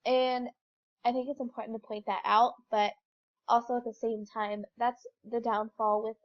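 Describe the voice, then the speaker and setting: This young student presents a slideshow in a casual, explanatory manner, filling gaps with the odd filler. A cold leaves her voice congested and stuffy; it's on the high side and flat, at a moderate pace, and the recording is dull.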